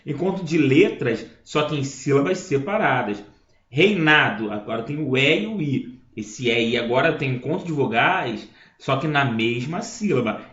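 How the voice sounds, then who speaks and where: A man's voice: fairly high pitch, fairly bright tone. A man teaching a grammar lesson, explaining step by step and checking in with his listeners. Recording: echoey room, dull lo-fi sound.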